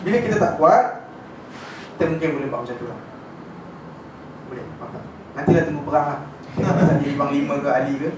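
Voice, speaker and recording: A man with a Malaysian accent giving an informal religious lecture to a class, telling the story with lively energy and often checking that his listeners follow. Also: a little high, quick pace, long pauses. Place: lecture room with an audience. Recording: echoey room, distant mic, background noise.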